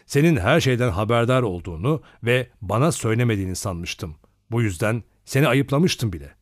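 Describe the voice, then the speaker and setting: A gentle, lonely lodger, as a man reads him aloud, speaks in a soft, tender voice. The delivery stays dry and close, with little room sound, and the pitch moves lively. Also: fairly quick, no room sound, close to an everyday voice. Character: gentle, kind, lonely middle-aged male lodger.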